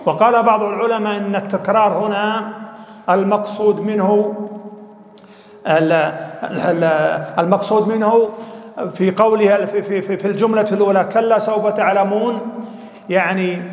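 A man giving a Quran commentary lesson as an Islamic teacher, explaining in a measured way, often restarting and repeating phrases. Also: high voice, steady tone. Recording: echoey hall recording.

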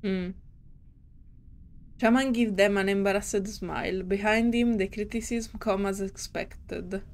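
A woman's voice: medium pitch, steady tone, a little mellow. A woman streamer reading a story game aloud with commentary, giggly and hesitant. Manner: slow, giggly and hesitant, with restarts. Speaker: gaming streamer.

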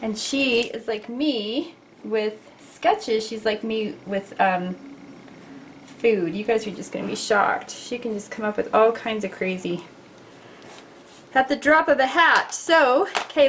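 A middle-aged woman talks through a loose sketch as she draws, chatty and playful with her viewers. Her voice sits a touch high. A faint hiss sits under the recording. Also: unhurried. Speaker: art teacher. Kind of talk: casual drawing tutorial. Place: at a drawing desk indoors.

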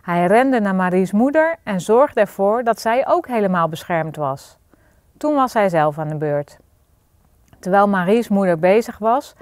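A woman's voice: mid-range voice, no echo. Woman reading a children's story. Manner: expressive, lively storytelling.

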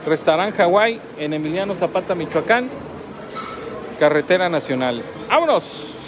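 Chatty high-voiced Mexican man, traffic noise. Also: expressive, normal speed. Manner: chatty, repeats phrases, laughs often. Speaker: food vlogger. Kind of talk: casual restaurant review. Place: restaurant table near a road.

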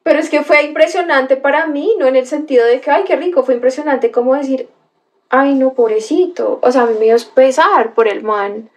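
A young woman hosts a casual livestream, reading chat, greeting viewers by name, and telling a story full of gasps and exclamations. Her voice sits high and she talks briskly with hardly any pauses.

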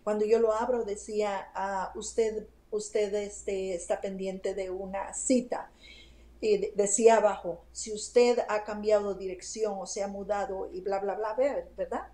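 Woman chatting away about her day, mellow warm tone, lots of fillers. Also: mid-range voice, fairly even intonation, measured pace, hardly any pauses, rough recording. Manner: chatty, many fillers and asides to the host. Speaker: interview guest. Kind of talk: casual storytelling.

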